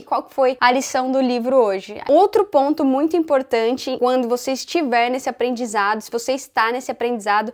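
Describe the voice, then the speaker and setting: A Brazilian woman vlogging casually to camera in a chatty manner, tagging her sentences with quick questions to the viewer. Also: high voice. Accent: Brazilian Portuguese. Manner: chatty, frequent tag questions. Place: living in England.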